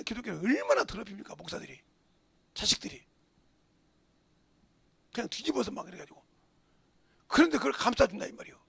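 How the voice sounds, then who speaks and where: A man's voice: high-pitched, gravelly, fairly bright tone, husky, dry recording. A male pastor preaching a sermon with emphasis. He fires rhetorical questions and often drops into a whisper.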